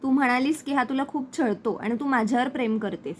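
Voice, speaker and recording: A woman's voice: high-pitched, a little fast, slight background noise, close to an everyday voice. A woman reading the lines of a possessive young male boyfriend, who is also the boss, in a plain recap voice. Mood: confronting.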